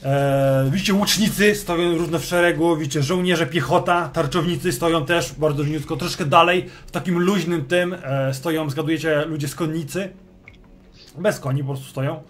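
A man's voice: a little high, fairly even intonation, moderate pace. A man acting as game master, casually describing the scene to his players in the second person, loose and hesitant. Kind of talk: casual narration of a tabletop role-playing game.

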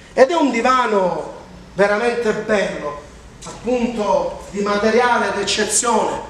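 A man delivers a TV infomercial pitch in a high voice, unhurried and emphatic. He stretches his words to sell the offers. The sound is distant from the microphone, in a large indoor showroom. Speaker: TV furniture salesman presenting offers. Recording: echoey showroom, distant mic, faint noise.

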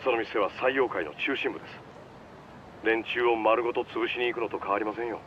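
Speaking at a fairly quick clip with mostly even intonation, this man has a mid-range, everyday-sounding voice. He's voicing a game cutscene's underworld informant, shrewd yet polite and easygoing, laying things out casually by phone in a relaxed, warning tone. Street noise bleeds through the muffled phone-line sound.

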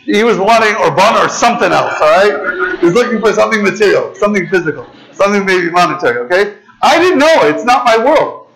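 Fast and expressive, an American priest in his thirties with a notably high, fairly bright voice preaches in a large, ornate church. He chats with the seated congregation like friends, gesturing freely and often tossing in "right?" and "okay?" The recording is low quality, taken by a far camera while he stands at a lectern.

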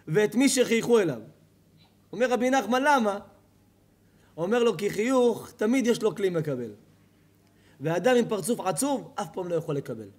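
Animated high-voiced rabbi preaching. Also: male voice. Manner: animated storytelling, asks the audience questions, jokes. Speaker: rabbi giving a Torah lecture. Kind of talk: lively sermon to a live audience. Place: hall with an audience.

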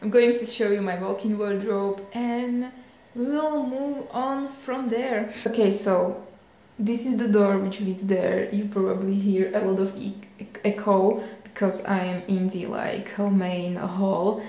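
Young Czech woman, giggly rambling vlog chat, mid pitch, echoey flat. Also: measured pace. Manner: chatty, giggly, rambling with fillers. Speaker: fashion vlogger. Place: hallway and walk-in wardrobe of her flat. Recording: echoey hallway.

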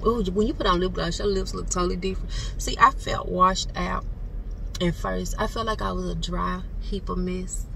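A woman's voice: fairly low pitch, fairly even intonation, moderate pace, creaky. A young woman, chatting straight to her viewers in a casual vlog. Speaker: vlogger. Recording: far from the mic with loud background noise.

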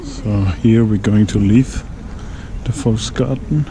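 Slow-talking tour guide outdoors. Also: male voice, lowish voice, steady tone. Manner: leisurely, pointing out sights, pausing often. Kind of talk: walking tour narration. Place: outdoors on city streets and squares. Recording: outdoor recording with traffic noise. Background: street ambience and passing traffic.

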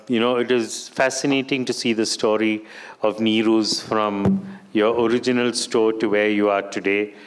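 A man's voice: lowish voice, clean tone. A man moderating a panel discussion at a business conference, asking long structured questions with "you know" fillers. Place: conference stage in a large hall.

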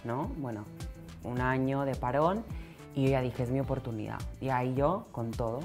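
Young woman catalonia, very low voice, earnest interview guest, faint music behind. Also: moderate pace. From Catalonia, Spain. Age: 20s. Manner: earnest, reflective, repeats words when searching. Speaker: pageant winner guest. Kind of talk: casual interview answers. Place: small TV studio set, indoors. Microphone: lapel mic.

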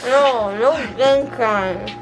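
A woman's voice: fairly high pitch, very slow, music in the background. A young woman groggy from anesthesia, rambling childishly in slurred speech through gauze in her mouth. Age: young adult. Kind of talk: casual rambling chat. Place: small clinic room, then moving car. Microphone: camera held nearby. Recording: noisy handheld camera audio.

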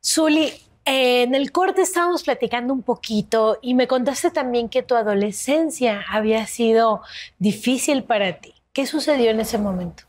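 A woman hosting a TV interview in a studio, asking her questions gently and with measured pacing. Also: on the high side. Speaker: TV show host.

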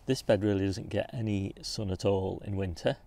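Gravelly-voiced man giving a garden tour. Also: low voice, normal speed. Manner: relaxed, informative, pointing things out as he walks. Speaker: gardening channel host. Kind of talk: casual garden tour walkthrough. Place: outdoors in a back garden. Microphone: handheld phone camera.

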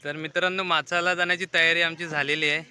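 A man's voice: fairly high pitch, little pitch movement, quick pace, bright, forceful tone, clear, resonant tone. A man, narrating a casual travel vlog recorded outdoors on a phone camera. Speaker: vlogger. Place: outdoors in a village.

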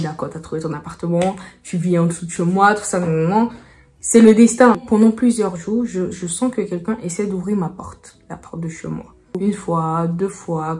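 A woman's voice: on the low side, a little mellow. A young woman vlogger telling a personal story in a chatty storytime style, acting out the dialogue with lots of fillers. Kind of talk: casual storytime.

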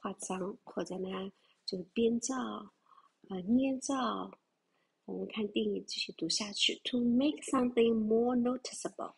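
A woman's voice: medium pitch, unhurried, creaky, husky. A woman teaching English vocabulary, explaining words and spelling them out letter by letter. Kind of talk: vocabulary lesson.

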